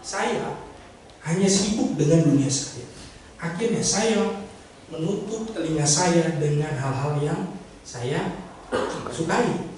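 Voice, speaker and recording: A man's voice: on the high side, takes it slowly, long pauses, darkish tone, a little hiss or hum. A man preaching to a congregation, acting out a pleading sinner in a dramatic sermon illustration. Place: church hall. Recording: echoey church hall from far off.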